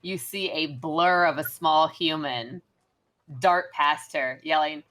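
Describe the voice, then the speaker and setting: Low-voiced woman running a tabletop game, chatty, says like a lot. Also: takes it slowly, a bit bright, a little hiss or hum. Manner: chatty, giggly narration with filler words. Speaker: game master.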